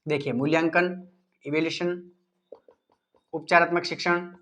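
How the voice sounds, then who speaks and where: A man's voice: fairly high pitch, steady tone, moderate pace, a bit bright. Teacher man giving exam advice. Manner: informal, repetitive, addresses students directly. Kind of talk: exam-prep study advice lesson.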